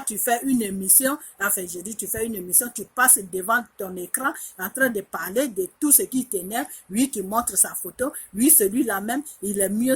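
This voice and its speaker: Indignant, very husky woman. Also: mid-range voice. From Côte d'Ivoire. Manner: indignant, insistent, repeats her points. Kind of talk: opinion monologue to camera.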